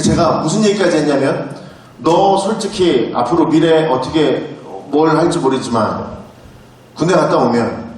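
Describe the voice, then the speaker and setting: A man in his thirties preaching a sermon in a church, telling a story and acting out the lines of the people in it. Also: fairly high pitch. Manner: storytelling, acts out dialogue. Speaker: pastor. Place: church sanctuary. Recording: very echoey hall, distant mic.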